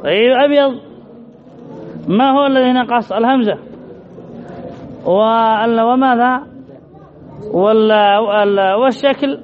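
High-voiced man teaching grammar, lo-fi. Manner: slow, methodical, poses questions and answers them himself. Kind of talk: classroom lesson reading and explaining a text. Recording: dull lo-fi class recording with faint noise.

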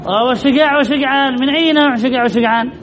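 A man teaching an Arabic grammar lesson, reading a text and explaining it slowly and methodically, asking questions and answering them himself. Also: extremely high pitch, a bit bright. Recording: dull lo-fi class recording with faint noise.

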